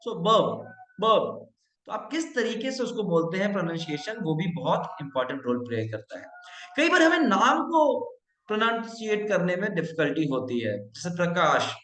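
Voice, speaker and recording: A man's voice: high-pitched, sing-song, moderate pace, sharp tone, echoey room, a little hiss or hum, poor audio. A middle-aged man giving a training lesson, explaining and demonstrating word pronunciations, mixing English phrases into his talk. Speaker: trainer and consultant.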